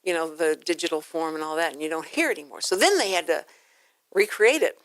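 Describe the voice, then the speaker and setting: A woman with a low voice and an American accent talks fast on a dry recording. Hosting a chatty radio interview, she rambles informally and acts out quotes while telling stories.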